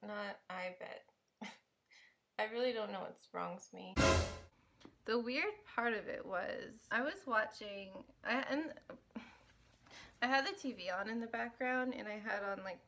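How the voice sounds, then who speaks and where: A woman's voice: on the high side, pushed and bright. A young woman vlogger talking casually to camera, rambling and self-mocking, often laughing at herself.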